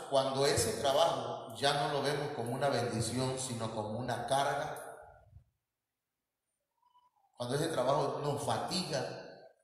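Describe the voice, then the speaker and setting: A man preaching and praying with a Mexican Spanish accent, fervent and dramatic. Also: medium pitch. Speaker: pastor. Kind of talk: sermon and prayer. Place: church hall. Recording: echoey hall, distant mic.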